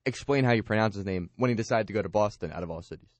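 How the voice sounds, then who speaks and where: Man, low voice, talks fast, animated sports chatter, dry studio. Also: dry recording. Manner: animated, leans on "like" and "you know what I mean". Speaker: sports radio co-host. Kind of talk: casual sports talk. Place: college radio studio.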